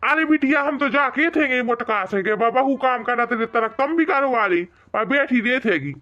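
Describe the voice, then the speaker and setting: A woman's voice: a little high, animated, moderate pace, fairly bright tone, dull audio. A woman voicing a stubborn, teasing old village father-in-law in a cartoon comedy, bickering with his wife. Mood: complaining. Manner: mocking and bickering, later pleading.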